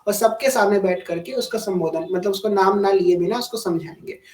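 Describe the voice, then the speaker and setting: A woman delivers a devotional discourse in an echoey room. She stretches out the verses she recites, then explains them simply and asks her listeners direct questions. Her voice sits at a middle pitch. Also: a little fast, darkish tone, distant mic. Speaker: spiritual discourse speaker. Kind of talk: devotional discourse to a live gathering.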